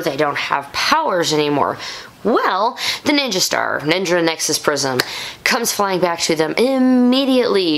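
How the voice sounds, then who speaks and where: A woman hosting her own vlog, reviewing a show episode in a casual, excitable way with gushing bursts of enthusiasm. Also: fairly low pitch, creaky. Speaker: YouTube show host and reviewer. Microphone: camera-mounted shotgun microphone.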